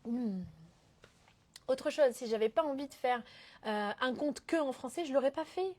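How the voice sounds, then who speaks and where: A woman's voice: high voice, normal speed, darkish tone. A woman business coach talking on a live stream, emphatic and dropping English phrases into her speech. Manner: mixes English phrases into French; emphatic, keeps asking "ok?".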